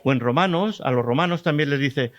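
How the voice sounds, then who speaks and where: A man with a Spanish accent preaching a sermon, explaining slowly, repeating key words and asking the congregation rhetorical questions. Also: fairly high pitch, muffled recording. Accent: Spanish from Spain.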